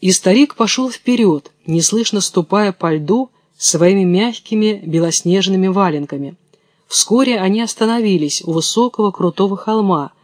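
A man with a fairly high voice reads a fairy tale aloud in a calm, even way. The sound is close and dry, with no room around it. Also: dry recording. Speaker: narrator. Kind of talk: storybook narration.

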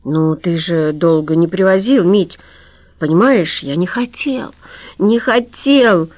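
A woman voicing a weak, guilty man who confesses through tears, halting and apologetic. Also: on the low side, no room sound. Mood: tearful. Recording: dull lo-fi recording.

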